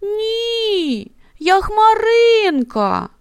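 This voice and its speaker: A woman's voice: big pitch swings, slow pace, a little mellow, no echo, studio quality. A woman voicing a teasing little cloud girl. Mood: tearful. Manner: high, sing-song taunting.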